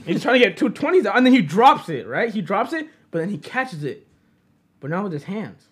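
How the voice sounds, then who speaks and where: Animated young man telling a story, husky. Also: high voice, brisk. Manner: animated, laughs through his story, slangy. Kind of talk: casual storytelling among friends.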